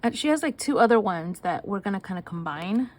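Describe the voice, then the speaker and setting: This young woman's mid-range, darkish voice is animated as she chats about her budget on a vlog. Sick, nasal and short of breath, she counts the cash aloud in quick bursts of chatter.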